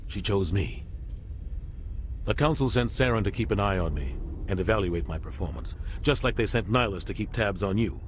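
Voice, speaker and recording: The captain is voiced by a middle-aged man: low, grave, dutiful and wearily honest, speaking earnestly and measuredly as in video game dialogue. His delivery is expressive yet close to an everyday voice, in a grave, recounting mood. Faint noise sits in the background.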